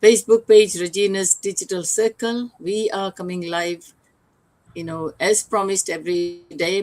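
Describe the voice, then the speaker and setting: A woman's voice: lowish voice, low-quality recording. A woman from Fiji hosting a live online show over a video call, welcoming viewers with some fillers. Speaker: host.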